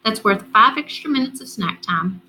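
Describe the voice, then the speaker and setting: A woman reading as an upbeat, gentle teacher. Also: on the high side, expressive, moderate pace, soft background music, rough recording. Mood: encouraging. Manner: encouraging, careful. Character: upbeat, gentle male schoolteacher.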